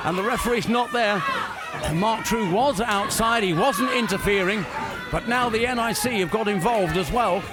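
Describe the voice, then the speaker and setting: A man giving excited live play-by-play wrestling commentary, exclaiming and repeating phrases with urgency. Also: high-pitched, normal speed. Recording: live event, very loud crowd and music. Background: loud crowd and music.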